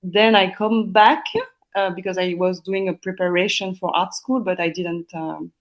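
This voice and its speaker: A woman's voice: lowish voice, fairly even intonation, moderate pace. A woman with a French accent, a gallery co-founder talking in a casual interview, hesitant and searching for words. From northern France.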